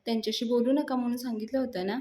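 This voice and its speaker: A woman voicing a stern male hospital doctor who scolds firmly in a low, hushed tone. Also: steady tone, rapid-fire, natural voice. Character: stern hospital doctor, man, middle-aged.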